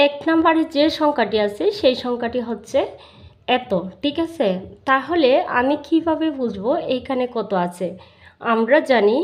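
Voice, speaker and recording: A woman with a Bangladeshi Bengali accent teaching a primary school math lesson, explaining step by step and answering her own questions. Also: fairly high pitch.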